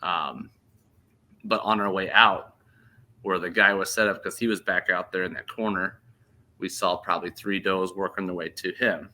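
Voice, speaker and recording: A man in his thirties casually telling a hunting story on a podcast, animated and laughing as he goes. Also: sits low, normal speed. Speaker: podcast host.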